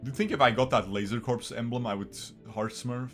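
Medium-pitched, fairly quick and a little bright, the young man, Bosnian-born and raised in Switzerland, talks through his strategy-game stream at his desk mic in a small room over soft background music. He's chatty, addresses his viewers directly and repeats himself.

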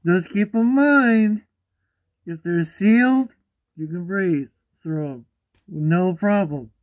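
A young man talking through a gas mask in a casual, halting, repetitive explainer to camera. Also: high-pitched. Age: young adult. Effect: muffled through a gas mask. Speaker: vlogger. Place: small room indoors. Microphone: phone at arm's length.

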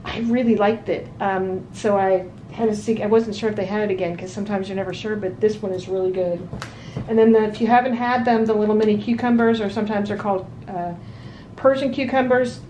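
A woman talks her way through a grocery haul at her dining table in a relaxed, chatty way, often pausing on ums and correcting herself. Her voice sits at an ordinary pitch. A faint hum of room noise runs underneath. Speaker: vlogger. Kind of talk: casual grocery haul chat.

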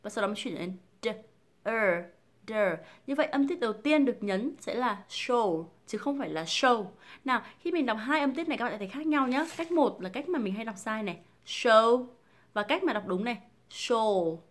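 A woman from Vietnam teaching English pronunciation, explaining patiently and drilling single sounds and words slowly and clearly. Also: fairly high pitch, expressive. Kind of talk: pronunciation lesson.

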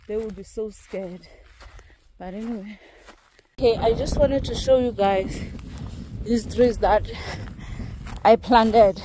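Filming herself on a phone at arm's length, a middle-aged South African woman chats as she strolls her farmland outdoors on a dry, windy day. Her voice is fairly high and slow, with frequent pauses, rambling asides and easy laughs. Wind and ambient outdoor noise can be heard.

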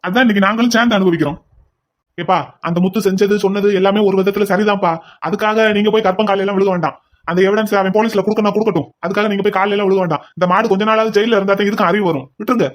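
A man's voice: sits high, fairly even intonation, rapid-fire, close to an everyday voice. A man voicing a blunt grown son in a cartoon who scolds his younger brother. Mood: scolding. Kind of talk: cartoon voice acting.

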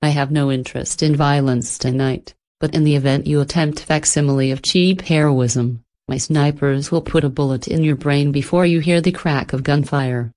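A woman voicing an ancient, cultured and menacing entity in a storybook reading, speaking in an even, measured, softly spoken way. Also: low voice, lightly acted. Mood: menacing, amused.

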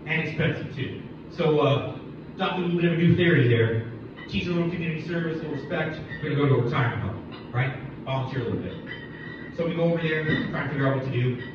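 A man's voice: on the high side, fast talker, muffled recording. Man, stand-up comic, casual swearing, acted-out dialogue, echoey club, noisy distant recording. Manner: laid-back, swearing, acts out dialogue. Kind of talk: open mic stand-up. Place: small comedy club stage. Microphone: handheld mic, filmed from far back in the audience.

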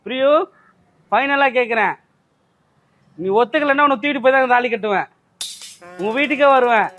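A man's voice: very high-pitched, normal speed, a bit bright, lo-fi sound, slight background noise. A young man doing a street prank, pushily pleading and calling after a woman outdoors. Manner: pushy, wheedling, keeps calling out to her.

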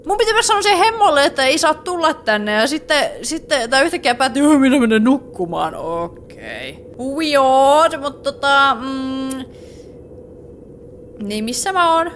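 Finnish woman gamer, fairly high voice, jumpy horror let's play commentary, chatty. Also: lively intonation, fairly bright tone, a little hiss or hum. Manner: jumpy, startled exclamations, chatty asides. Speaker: gaming YouTuber.

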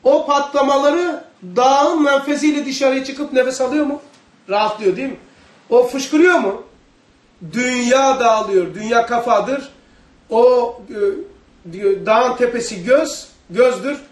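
A man's voice: very high voice, slow. A man giving a religious study lesson, asking his listeners questions as he goes. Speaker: religious teacher. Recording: echoey room, distant mic.

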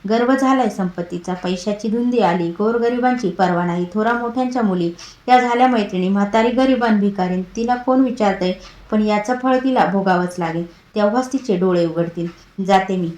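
A woman's voice: mid-range voice, a little fast, darkish tone, close to an everyday voice. Old beggar woman, a goddess in disguise, scolding and indignant, roomy echo; read by a woman storyteller.

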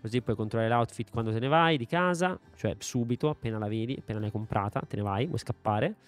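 A man's voice: medium pitch, fairly quick, faint music behind. A young man commenting casually while playing a game, joking, talking to himself and swearing freely. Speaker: gaming video creator. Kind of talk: let's play commentary.

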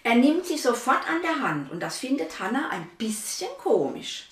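A woman's voice: a little high, big pitch swings, moderate pace, reverberant, distant mic. A woman reading a children's story aloud, adding asides to children and her dog.

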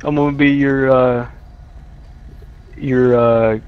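A man's voice: mid-range voice, steady tone, takes it slowly, clear, resonant tone. A man role-playing a paramedic, talking in clipped, procedural radio calls. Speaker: player acting as paramedic ground unit. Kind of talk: emergency services role-play radio talk. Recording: dull lo-fi voice chat.

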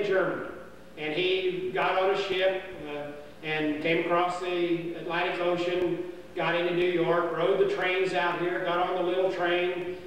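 An older man, a camp storyteller, telling a folksy history tale in a rambling, homespun way with many fillers and restarts, recorded indoors in a dining hall on a far camera. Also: high voice. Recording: roomy hall echo from far off, faint hum.

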